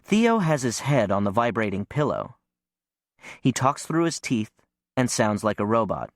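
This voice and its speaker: A man narrating a novel in first person in an even, measured way. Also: medium pitch, dry recording, clean studio sound. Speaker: audiobook narrator.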